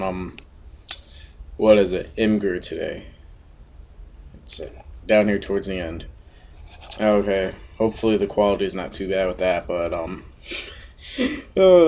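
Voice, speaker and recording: A young man from Florida with a monotone voice, giving laid-back, casual gameplay commentary full of fillers and offhand swearing. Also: sits low, slight background noise. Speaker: game commentator.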